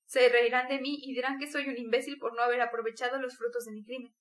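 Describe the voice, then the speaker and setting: A woman's voice: fairly high pitch, little pitch movement, fast talker, lightly acted. A woman reading the part of a brooding, tormented young male student in an intense, bitter confession. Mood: scornful.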